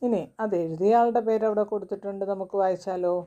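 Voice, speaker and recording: A woman teaching a children's reading lesson. She sounds out words slowly, syllable by syllable. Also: mid-range voice, steady tone, mellow, dull audio. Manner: slow, syllable-by-syllable spelling.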